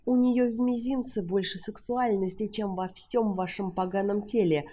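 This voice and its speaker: A woman's voice: medium pitch, fairly even intonation, normal speed, warm tone, a little hiss or hum, lightly acted. A woman voicing an awkward, prim man who answers stiffly and grows indignant and defensive, in an audiobook reading.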